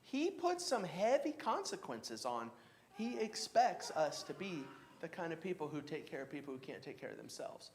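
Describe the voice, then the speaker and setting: A man teaching a church Bible class in a casual, halting way, with many fillers and restarts. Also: on the high side, big pitch swings, slight background noise.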